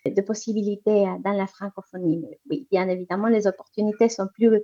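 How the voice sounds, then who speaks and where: Fairly quick and steady, her mellow mid-range voice carries answers about women's entrepreneurship in an interview. The guest, an economic development representative, still hesitates with many fillers and restarts. Audio is muffled and lo-fi.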